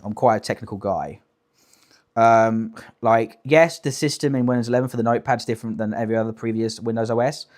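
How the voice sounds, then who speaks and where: A man's voice: mid-range voice, fairly even intonation, brisk, a little mellow. Sweary, incredulous British male streamer. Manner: sweary, blunt, incredulous, emphatic. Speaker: live streamer commenting on clips. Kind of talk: casual livestream reaction commentary.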